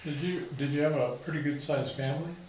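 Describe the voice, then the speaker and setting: A man's voice: on the high side, steady tone, a little fast, darkish tone. A male interviewer asking brief, friendly questions of a veteran guest. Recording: echoey room, distant mic, faint noise.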